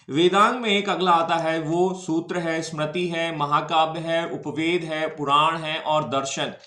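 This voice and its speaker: A man's voice: on the high side, fairly bright tone, echoey room. A male teacher gives an exam-prep history lecture, explaining step by step, mixing Hindi and English and checking that students follow.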